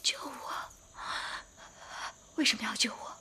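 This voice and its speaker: A woman's voice: high voice, animated, moderate pace, a little hiss or hum. An actress playing a distraught young fox spirit woman who is ashamed of how she looks, speaking tearfully and bitterly in a TV drama. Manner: tearful, pleading, flares into shouting. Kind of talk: TV drama dialogue. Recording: loud film score behind dialogue.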